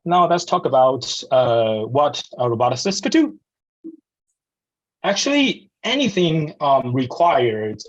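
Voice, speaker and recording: Over a lo-fi video call, a guest speaker from Taiwan gives students a slide presentation. He's in his thirties, has a Taiwanese accent and a medium-pitched voice, and he stumbles along with lots of fillers and false starts.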